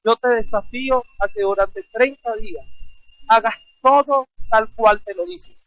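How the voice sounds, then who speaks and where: High-voiced male pastor exhorting a congregation. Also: a little slow, fairly bright tone, dry recording, dull audio. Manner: exhorting, has the congregation repeat phrases; rhetorical questions, emphatic repetition. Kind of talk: sermon.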